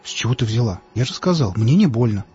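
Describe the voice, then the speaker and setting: A man puts on a stubborn young man in an audiobook, indignant and argumentative, keeping close to his own dark, very husky voice. The sound is dull and lo-fi, with faint music behind it. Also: medium pitch, animated, fast. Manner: indignant, arguing.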